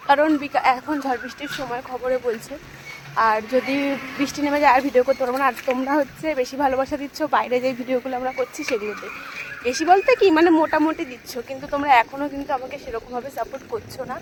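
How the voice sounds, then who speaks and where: A woman's voice: high-pitched, fast. A young woman, chatting directly to viewers in a casual vlog while out on sunny streets. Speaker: vlogger. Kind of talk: casual outdoor vlog chat. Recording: noisy outdoor phone recording.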